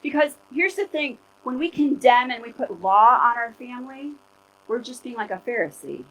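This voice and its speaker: Middle-aged woman pastor, casual animated preaching style in a church setting. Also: on the high side, normal speed, rough recording. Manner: conversational, animated preaching with personal stories. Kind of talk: sermon.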